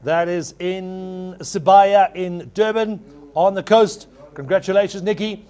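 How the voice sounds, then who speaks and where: A man's voice: sits high, fairly even intonation, a little mellow, clean tone. A man working as an auctioneer, calling a live property auction with courteous address and repeated figures. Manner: repeats figures in rapid chant when taking bids.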